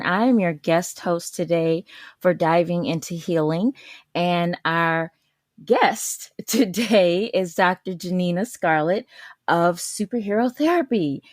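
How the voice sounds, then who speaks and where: A woman's voice: lowish voice, a little slow, no echo, studio quality, soft background music. A woman hosting a podcast interview, enthusiastic and affirming toward her guest. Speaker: guest host.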